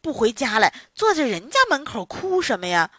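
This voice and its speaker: A woman as a kindly old storybook grandma, fussing, gently scolding, bright tone, lively pitch. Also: normal speed, no echo, clean studio sound.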